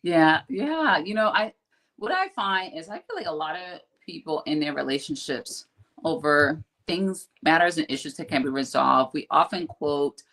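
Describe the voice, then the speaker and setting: A woman with a low voice co-hosts a relationship podcast. She talks earnestly and reflectively, working through her thoughts as she goes. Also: moderate pace, a bit bright. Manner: earnest, reflective, thinks aloud. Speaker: podcast co-host. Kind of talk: casual podcast chat.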